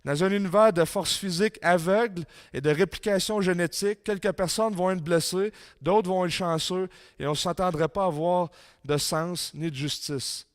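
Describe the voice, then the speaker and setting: A man with a Québécois French accent giving a sermon-style talk in a church, reading quotes with rising force and dropping low for emphasis. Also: normal speed, dry recording, studio quality. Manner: reads quotes aloud with rising intensity, drops low for emphasis. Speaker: conference speaker.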